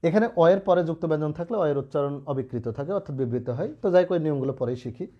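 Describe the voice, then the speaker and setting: A man's voice: fairly high pitch, very fast, muffled recording. A man teaching Bengali pronunciation rules in an online lesson, patiently checking in with students as he explains. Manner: patient, asks students rhetorical checks often.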